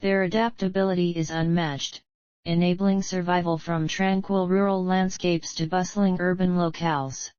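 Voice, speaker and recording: A woman reads scripted nature documentary narration in a formal, measured manner. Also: fairly low pitch, darkish tone, clean tone, no room sound, lo-fi sound. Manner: formal, measured read-out delivery.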